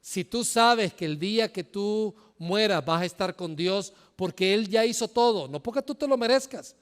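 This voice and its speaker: A man preaching a sermon, his voice riding high and bursting into loud, emphatic rises. The sound carries a long reverb that hangs in the air of a church hall. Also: lively intonation, moderate pace. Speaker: pastor.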